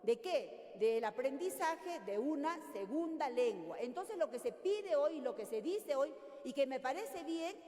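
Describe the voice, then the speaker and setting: An older woman from Peru leading a teacher workshop, lively and constantly checking in with her audience. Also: sits high, measured pace, few pauses. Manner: animated, questioning audience often. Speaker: teacher trainer. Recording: echoey hall.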